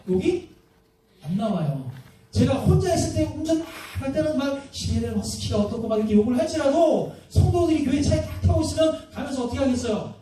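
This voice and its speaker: High-voiced pastor preaching in echoey hall. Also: male voice, dark tone, a little hiss or hum. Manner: conversational preaching, frequent rhetorical questions to the congregation. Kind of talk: sermon. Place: church sanctuary. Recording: echoey church hall, from a distance.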